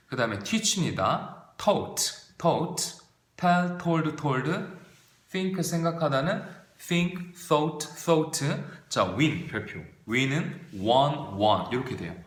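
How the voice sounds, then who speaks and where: Male teacher, unhurried lively lecture, roomy echoey sound. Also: on the high side. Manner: drills verb forms aloud, asks and answers own questions. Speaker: English teacher. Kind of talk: online video lecture. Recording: roomy echo.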